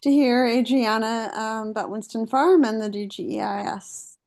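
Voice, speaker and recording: A woman's voice: on the high side, moderate pace, darkish tone. A woman giving a brief introduction as a guest in an online meeting over a video call.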